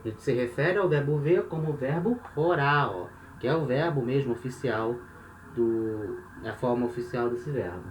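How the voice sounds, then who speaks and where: A man with a Brazilian Portuguese accent leads a board lesson one step at a time, counting out loud and repeatedly checking that listeners follow. His voice is medium-pitched at a moderate pace, captured off-mic from a distance with roomy echo and faint hiss.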